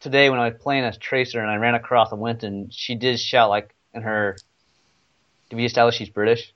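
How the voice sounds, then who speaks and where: A man's voice: medium pitch, steady tone, a little fast, muffled recording. A man chatting casually about a video game, rambling with many restarts. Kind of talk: casual gaming chat.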